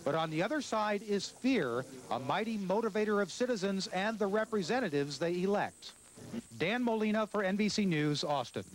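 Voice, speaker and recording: A man's voice: high-pitched, lively intonation, normal speed, poor audio. A man narrating a scripted television news report as a correspondent.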